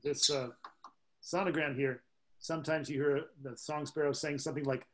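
A man presenting a seminar on songbirds, speaking in a halting, informal lecture style with frequent fillers and imitating bird songs aloud. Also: fairly high pitch, steady tone, a bit bright, low-quality recording.

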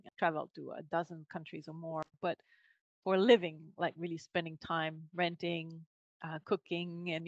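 Recorded dry with the highs cut off, this lowish-voiced, middle-aged French Canadian woman laughs frequently amid filler words. She's being interviewed casually as a guest over a video call, speaking into a podcast mic from her home office lined with bookshelves.

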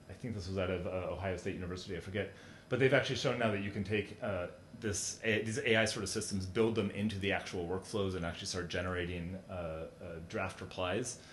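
A middle-aged man delivers a conference keynote in a large hall, talking conversationally and tripping over fillers and restarts. His voice sits low, and the room lends a roomy echo over a faint rumble underneath. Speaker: keynote speaker.

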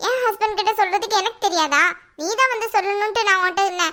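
Poomari, high bright cartoon wife, voiced by a woman. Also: fast. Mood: defensive. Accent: Tirunelveli Tamil. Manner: pleading, defensive. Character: defensive young wife Poomari, quick-tempered. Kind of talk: cartoon voice acting.

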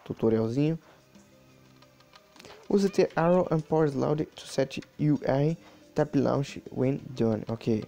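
A man's voice: medium pitch, slow pace, gravelly, pauses often, warm tone, soft background music. A man giving chatty, casual commentary while playing a mobile game, talking to his viewers with many asides. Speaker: mobile game channel host.

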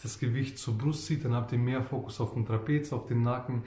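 A man's voice: medium pitch, fairly even intonation, brisk, warm tone, reverberant. A man coaching viewers through back exercises in a home gym tutorial, explaining and repeating the key points. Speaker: fitness coach.

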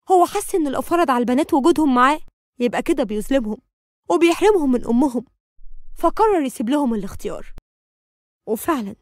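Fast, high Egyptian woman storyteller. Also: darkish tone, dry recording. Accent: Egyptian Arabic. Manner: tearful, heartfelt storytelling. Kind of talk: scripted first-person narration. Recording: dry voice-over with faint music.

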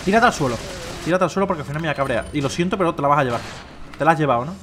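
Fast-talking young Spanish gamer. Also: male voice, a little high, background noise. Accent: Spain Spanish. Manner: slangy, rambling, chatty, quick swings between excitement and muttering. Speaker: gameplay streamer. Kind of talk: casual gameplay commentary.

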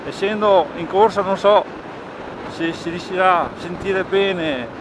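A man's voice: sits high, measured pace. A man chatting casually to viewers as a motovlogger, rambling and repeating his phrases. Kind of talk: casual vlog chat to viewers. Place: outdoors, on and beside a motorcycle. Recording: road and engine noise, helmet action camera.

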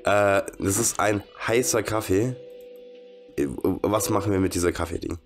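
A man with a fairly low voice hosts a horror let's play, cracking sarcastic jokes as he goes. His commentary is playful and casual. Soft music runs quietly behind him. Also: normal speed.

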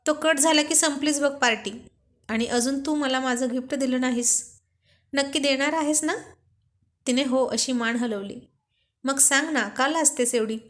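A woman's voice: high voice, moderate pace. A woman reading a romance story aloud, voicing every character's lines in her own voice. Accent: Marathi.

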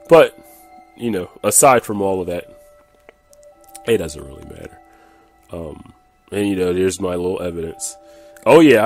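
A man with a deep, low voice talks through gameplay at an easy pace, mumbling through fillers and teasing his opponents with dry sarcasm. Soft music plays faintly behind him. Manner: laid-back and mumbling, with many fillers; taunting and sarcastic. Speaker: gaming channel host. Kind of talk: casual gameplay commentary.

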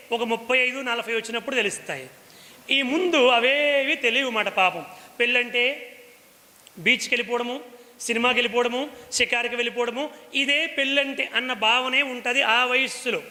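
Very high-voiced man giving a devotional discourse. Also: sharp tone. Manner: repetitive, rhetorical questions, addresses audience directly. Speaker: religious discourse speaker. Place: stage before a live audience. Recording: long hall reverb.

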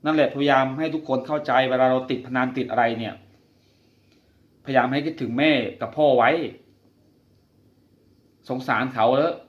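A podcast host talks about quitting gambling, sharing his own story earnestly and confidingly and asking the listener direct questions. He speaks at medium pitch and normal speed with long pauses, in roomy, dull lo-fi audio.

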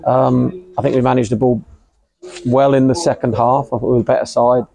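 Middle-aged English football manager, gravelly and mellow, measured post-match answers, recorded outdoors at a ground. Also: male voice, medium pitch, level tone, no room sound, poor audio. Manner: measured, hesitant, many fillers and repeats. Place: outdoors under a covered stand at a football ground.

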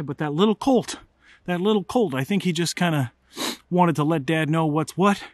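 A middle-aged man, telling a funny personal story in an animated, comic way. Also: on the high side, no echo. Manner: animated, comic, builds to excited outbursts. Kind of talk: casual spoken storytelling.

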